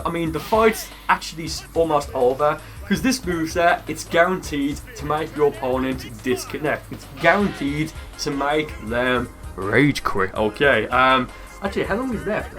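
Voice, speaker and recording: A man's voice: on the high side, a bit bright. A man giving casual gameplay commentary in a rambling, conversational way. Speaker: gaming video creator. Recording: music behind the voice. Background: music.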